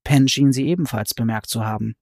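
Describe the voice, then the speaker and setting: A man's voice: mid-range voice, no echo. Man reading an audiobook, dry close sound. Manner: measured, expressive reading. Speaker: audiobook narrator. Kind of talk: scripted narration.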